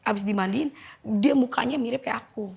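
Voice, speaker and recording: A young woman tells her story emotionally, slipping into the voices of the people in it. Her voice sits fairly high, with a gravelly fry and a husky edge. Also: brisk. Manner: emotional, vivid retelling that acts out quoted dialogue. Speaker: testimony guest. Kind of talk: personal testimony, storytelling.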